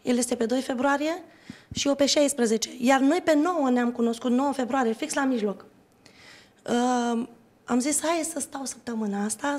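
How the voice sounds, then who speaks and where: Woman singer chatting on a tv show, high voice, laughs as she tells it. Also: darkish tone. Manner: laughing, storytelling. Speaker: singer, guest. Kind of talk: casual interview chat. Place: TV studio.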